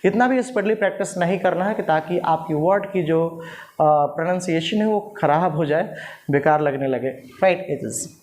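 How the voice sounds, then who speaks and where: A man teaching spoken English in a patient lesson style, repeating drills slowly and calling his viewers friends, standing at a writing board. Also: a little high, darkish tone. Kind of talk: classroom-style language lesson.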